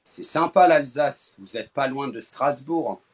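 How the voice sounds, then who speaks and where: A man from France hosting a live stream, chatting casually with callers and cracking deadpan jokes. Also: medium pitch, measured pace.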